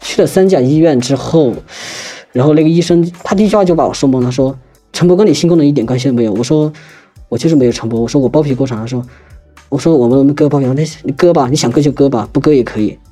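Fast-talking husky man telling his story. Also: mid-range voice, dark tone, faint music behind. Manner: rambling, hesitant, with many restarts. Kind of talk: casual spoken personal story.

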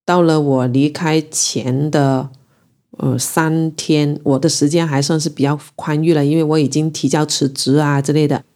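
A woman from Guangzhou, China, reflectively tells her own love story in a low, mellow, steady voice. She recounts it in an unhurried, emotional way.

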